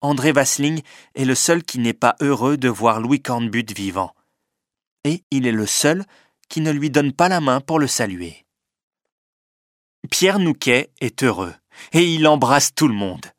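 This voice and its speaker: A man reading a story aloud in measured scripted narration, with clear, lifted emphasis at exciting moments. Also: medium pitch, no echo, studio quality. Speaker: audiobook narrator.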